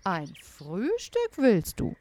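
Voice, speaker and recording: A woman voicing the giant's big wife, gruff on the surface but kind underneath. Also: medium pitch, wildly swooping pitch, slow, mellow, a little hiss or hum. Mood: threatening. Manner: scolding, urgent.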